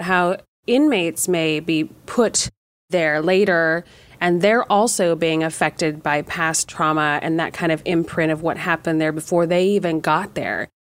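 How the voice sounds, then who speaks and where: Woman musing on a podcast, kinda low voice, dry close mic. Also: dry recording. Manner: reflective and conversational, trails off into musing. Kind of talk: casual podcast chat.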